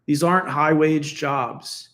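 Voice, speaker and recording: This American man, a political commentator, has a slightly high, fairly bright voice with a steady tone, and he takes his time. Alone on the mic, he argues his side defensively in a casual way, laughing between points and using fillers and restarts.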